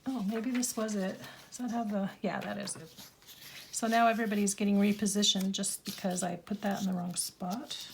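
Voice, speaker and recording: Chatty, slightly croaky woman crafting. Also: mid-range voice, moderate pace, a little hiss or hum. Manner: chatty, rambling, self-deprecating, laughs often. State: a little croaky. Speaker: craft channel host. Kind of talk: casual chat while crafting. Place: home craft studio.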